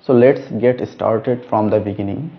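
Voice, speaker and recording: A man teaching a lesson on letter names, speaking slowly and stressing each letter. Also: on the low side. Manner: slow, deliberate, stresses each letter name. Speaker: English teacher. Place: room with a whiteboard. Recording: dull lo-fi recording.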